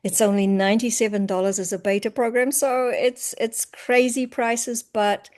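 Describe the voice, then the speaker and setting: Relaxed New woman, reflective and soft. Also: fairly high pitch, moderate pace. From New Zealand. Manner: relaxed, reflective, often trailing off softly. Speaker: empowerment coach. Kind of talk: casual interview chat.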